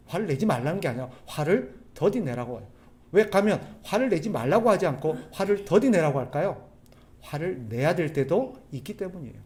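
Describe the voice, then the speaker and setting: A man preaching a sermon as a pastor, animated, putting rhetorical questions to the congregation. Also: on the high side. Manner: acts out quoted people's voices.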